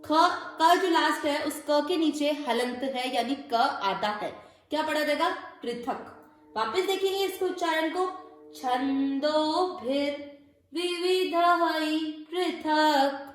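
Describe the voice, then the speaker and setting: A woman's voice: sits high, lively intonation, moderate pace. A woman teaching Sanskrit verse pronunciation step by step, patiently repeating syllables and asking rhetorical questions. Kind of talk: step-by-step recitation lesson. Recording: very echoey room.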